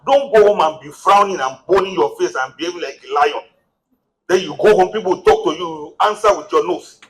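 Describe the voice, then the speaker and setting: Man, Nigerian accent, high-pitched, preaching at a marriage seminar, rhetorical questions. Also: low-quality recording. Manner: preaching, rhetorical questions, rising to lively exclamations. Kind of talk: motivational seminar talk.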